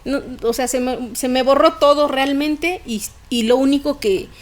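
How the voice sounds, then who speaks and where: Emotional woman with raised pitch. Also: normal speed, a little hiss or hum. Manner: emotional, fluent retelling with frequent fillers. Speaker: podcast guest. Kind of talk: personal storytelling in conversation.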